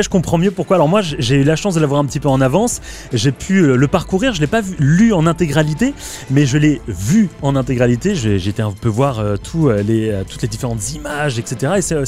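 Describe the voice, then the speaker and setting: A man's voice: fairly high pitch, a little mellow. A young man hosting a casual video interview, chatty and hesitant with many fillers. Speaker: YouTube channel host.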